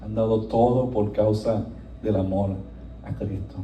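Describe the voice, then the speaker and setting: A male pastor preaching a sermon with animated delivery, swinging between soft passages and emphatic, rising lines. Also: fairly low pitch, unhurried, lo-fi sound, a little hiss or hum. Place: church sanctuary. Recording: echoey room, voice from a distance.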